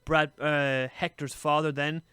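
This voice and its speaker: A man co-hosting a podcast, chatting casually and retelling a story with an animated, swearing manner. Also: on the high side, a little slow, smooth, no room sound. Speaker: podcast co-host.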